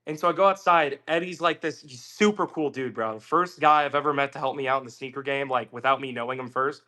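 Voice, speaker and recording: Bright, animated guy telling a story. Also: medium pitch, a little fast. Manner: animated, swearing, acts out quoted voices. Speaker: podcast guest. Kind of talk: casual storytelling chat.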